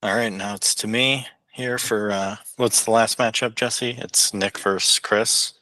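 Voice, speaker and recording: A man's voice: on the low side, steady tone, unhurried, pushed and bright, no room sound. A man joining a podcast as a guest, talking casually and bantering with the others. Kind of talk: casual chat.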